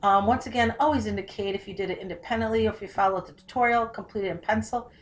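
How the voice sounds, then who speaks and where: A woman teacher walks through a recorded phonics tutorial. She stretches out words and letter patterns slowly so each sound is clear. She poses questions and answers them herself. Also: mid-range voice. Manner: slows down and stretches words to model spelling and syllables.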